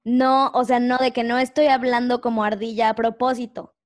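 A young woman with a Mexican accent whose voice sounds high and squeaky like a chipmunk, joking and swearing playfully as a podcast co-host. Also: level tone, normal speed. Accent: Mexican Spanish. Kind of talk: casual podcast chat.

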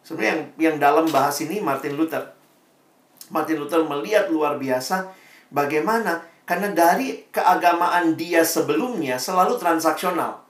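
A preacher delivers a sermon in a chatty, animated storytelling style, speeding up and slowing down as the tale unfolds. The voice bounces around a roomy hall and is picked up from some distance. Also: mid-range voice. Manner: conversational, animated storytelling, varied pace. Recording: echoey room, voice far from mic.

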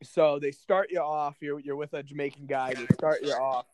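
A young man co-hosts a casual podcast with a slightly higher-pitched voice. He tells stories in a loose, rambling way and swears offhandedly. The sound is dry and close to the mic. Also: fairly even intonation, moderate pace, a little mellow, no room sound. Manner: laid-back storyteller, swears casually. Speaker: podcast co-host.

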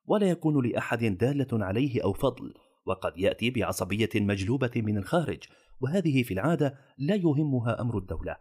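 A man reading a magazine article aloud in formal scripted narration, with a steady, even delivery. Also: mid-range voice, breathy edge.

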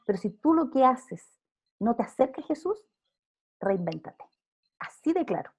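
A woman's voice: sits high, big pitch swings, moderate pace, darkish tone, husky. A woman speaking earnestly in a casual faith interview, preaching with emphatic repeated phrases.

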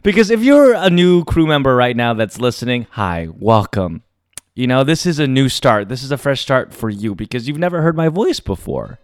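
A man hosting a solo confessional podcast, speaking to listeners in a theatrical showman's manner with emphatic, dramatic pauses. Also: mid-range voice, very animated, clear, resonant tone, no echo, studio quality. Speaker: podcast host.

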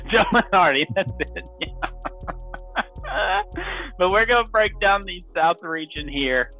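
An upbeat man hosts a casual sports podcast, his fairly high voice bouncing all over the place. His tone is bright and forward, and he talks loosely and laughs easily. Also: lively intonation, takes it slowly, soft background music. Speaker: podcast host.

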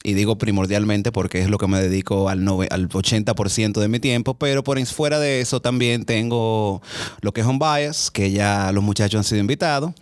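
A man's voice: lowish voice, steady tone, fairly quick, no echo. A man with a Dominican accent chatting casually as a podcast guest, introducing himself conversationally. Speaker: podcast guest, musician and producer.

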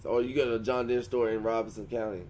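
A man's voice: mid-range voice, flat delivery, quick pace, darkish tone, a little hiss or hum. A man co-hosting a casual podcast, joking, swearing and slipping into goofy voices. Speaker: podcast co-host. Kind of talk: rowdy casual chat.

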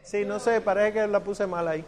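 A liturgical chant instructor patiently teaches a congregation to chant, coaching their pronunciation one syllable at a time. His voice sits high, with a steady tone and a fairly quick pace.

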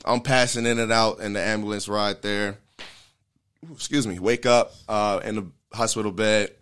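A man's voice: on the low side, level tone, moderate pace, a bit bright, clean tone. A man candidly telling a personal story in a casual interview, earnest and slangy, with loose fillers.

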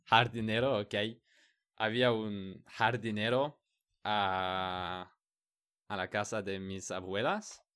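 A man talking very slowly in a relaxed chat, pausing to hunt for words and restarting them. His voice is smooth and clear throughout. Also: fairly low pitch. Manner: hesitant, frequent restarts and searching for words. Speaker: conversation partner. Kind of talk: casual chat in a learned language.

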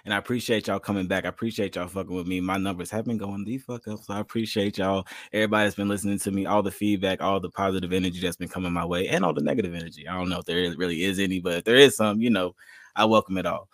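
A man hosts his podcast in loose, profane chat. He talks fast and a little low, circling back over his own words. The sound is close and dry. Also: no echo. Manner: loose, slangy and profane, rambling restarts. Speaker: podcast host. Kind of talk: casual interview chat.

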